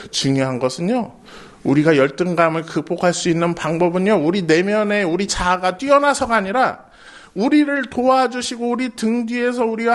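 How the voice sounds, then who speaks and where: A high-voiced man preaching with bright, storytelling energy. He asks his listeners quick questions and answers them himself, keeping the sermon lively. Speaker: junior pastor.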